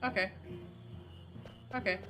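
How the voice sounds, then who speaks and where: A woman's voice: takes it slowly, music in the background. A woman game streamer chatting casually through her playthrough.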